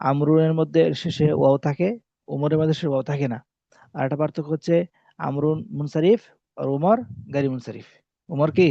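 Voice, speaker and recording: A man's voice: fairly high pitch, mellow, dry recording. A man teaching Arabic spelling rules in a classroom-style lesson, repeating key points and asking and answering his own questions. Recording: dull lo-fi recording.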